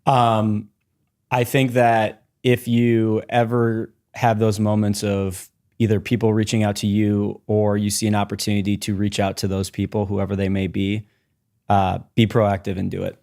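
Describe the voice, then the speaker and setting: A man's voice: fairly low pitch, completely flat delivery, moderate pace, darkish tone. A man appearing as a podcast guest, speaking earnestly and gratefully. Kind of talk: casual podcast chat.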